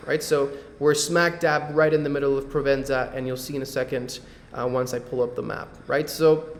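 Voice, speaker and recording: The Medellín real estate host speaks at a medium pitch during his casual video-call webinar, relying on many fillers and tag questions. The room is echoey, with slight background noise.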